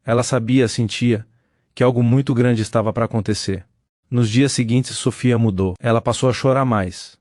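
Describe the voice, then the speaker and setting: A man giving a scripted dramatic narration in a measured, solemn storytelling manner. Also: mid-range voice, fairly even intonation, a little mellow, no room sound, studio quality.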